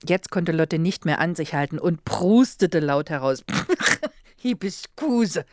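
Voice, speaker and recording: A woman's voice: sits low, moderate pace, background noise. Woman reading a children's story. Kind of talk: children's story read aloud.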